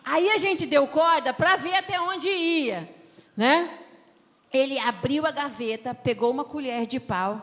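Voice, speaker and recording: Woman, high voice, emphatic preaching storyteller, long hall reverb. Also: measured pace, fairly bright tone. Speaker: speaker at a family conference. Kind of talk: preaching talk with personal stories.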